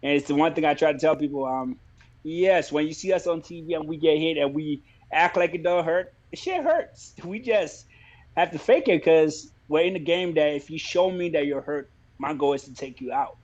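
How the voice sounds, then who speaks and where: A man from Liberia who fights professionally, talking about his career in a relaxed, plainspoken way in a casual interview. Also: on the high side, moderate pace, highs cut off. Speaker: MMA fighter, guest.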